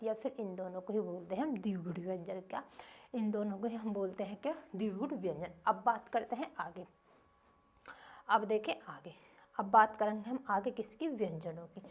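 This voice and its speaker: A woman teaching young children a grammar lesson in a steady, middle-pitched voice. She fires off short questions and answers them herself in a patient, repeating rhythm. The pace is that of a classroom drill at a whiteboard.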